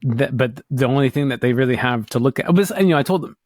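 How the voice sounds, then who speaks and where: A man's voice: medium pitch, lively intonation, fast talker, darkish tone, no echo, studio quality. A man from the United States co-hosting a podcast, talking in a casual, hesitant, rambling way with many restarts. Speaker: podcast co-host. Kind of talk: casual chat.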